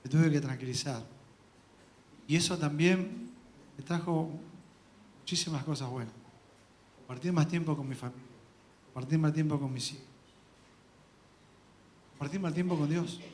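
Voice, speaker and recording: A man with an Argentine accent preaching a sermon in a church, earnest and personal, giving testimony with soft laughs and restarts. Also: a little high, normal speed, long pauses, a little hiss or hum. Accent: Argentine Spanish.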